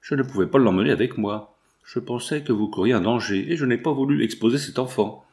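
A man voicing a well-meaning gentleman baron who explains himself in a calm, reassuring way. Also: medium pitch, brisk, natural voice. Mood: explaining.

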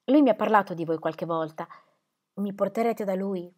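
A woman's voice: medium pitch, moderate pace, darkish tone, natural voice. A woman reading an audiobook, voicing a fragile young widowed mother who speaks weakly and imploringly. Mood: bewildered. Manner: weak, imploring.

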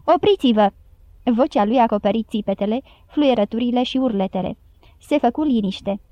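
A woman narrates an audiobook in a measured, even storytelling manner. Her voice is fairly high and warm and mellow. The recording is dry and somewhat dull and lo-fi. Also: no echo.

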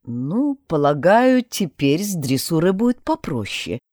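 A woman voicing a calm, quiet man in a storybook reading. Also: low-pitched, unhurried, no room sound, exaggerated voice. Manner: quiet, dry.

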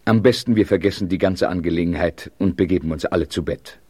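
A man playing a calm, patient king in a radio play. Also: sits low, quick pace, slight background noise, natural voice. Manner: calm and patient, soothing a fretful companion. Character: weary, patient king of a castle.

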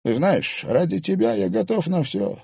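A scheming middle-aged father talks in a soothing, falsely gentle way, as a male audiobook reader puts him on. The voice is dark and husky, recorded dry. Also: high-pitched, big pitch swings, normal speed, no room sound, pitched above the performer's own voice, heavily acted.

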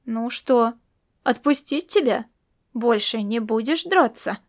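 A woman voicing a patient young man in an audiobook, soothing his grandmother with calm, gently mocking words. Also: on the high side, slow. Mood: gentle.

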